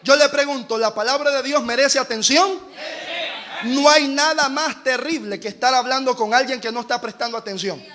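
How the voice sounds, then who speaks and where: A male pastor preaching a sermon to his church, acting out everyday scenes and building to shouted peaks. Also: extremely high pitch, normal speed.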